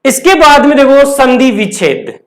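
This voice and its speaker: A woman's voice: high-pitched, very animated, normal speed, echoey room. A woman teaching Hindi grammar to a class. She asks questions and answers them herself, and she repeats key terms over and over. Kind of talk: classroom lesson with questions to students.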